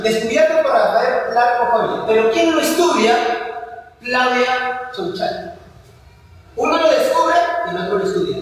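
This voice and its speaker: A man teaching a history class, asking rhetorical questions, answering them himself and repeating key points. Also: very high voice. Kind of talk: classroom lecture. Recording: echoey hall, voice from far off.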